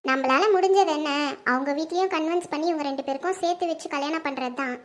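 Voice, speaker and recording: A performer voicing a kind, gently teasing mother-in-law in a home-made family drama. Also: sits high, fast. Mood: warm.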